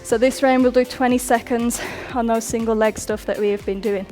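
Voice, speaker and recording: A woman's voice: on the high side, fairly even intonation, a little fast, dark tone. A young woman instructing a workout over music in an upbeat coaching manner, counting down reps and sometimes out of breath. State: out of breath at times. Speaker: fitness instructor.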